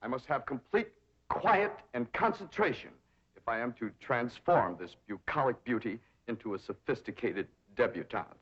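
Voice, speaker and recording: A man's voice: mid-range voice, expressive, normal speed, a bit bright, breathy edge. An actor playing a pompous young man who fancies himself a cultured drama teacher, speaking in grand, theatrical tones. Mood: grandiose. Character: pompous young man tutoring a country girl. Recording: dull 1960s TV soundtrack.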